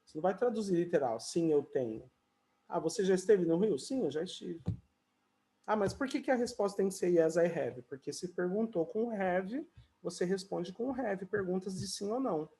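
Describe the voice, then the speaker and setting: A man from Brazil teaching English in an online conversation class. He talks in a chatty way, fills his pauses with "né" and "ó", and sings or draws out his English example sentences. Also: high-pitched, lively intonation, dark tone, slight background noise.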